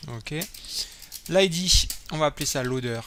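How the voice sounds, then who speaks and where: A man's voice: on the high side, expressive, normal speed, fairly bright tone, slight background noise. A man hosting a screencast coding tutorial, casually thinking aloud as he types and explains each step. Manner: casual, thinking aloud while typing code.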